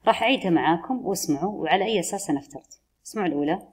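A woman teaching an English textbook lesson. She reads the model phrases slowly and carefully, then explains them quickly. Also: on the low side, lively intonation.

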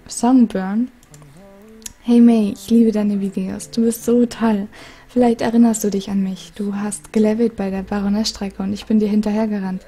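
A woman YouTuber with a calm, soothing voice, casually reading viewer letters aloud and giggling often. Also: mid-range voice, breathy edge. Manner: giggly, reads letters aloud with frequent laughs. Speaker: gaming YouTuber.

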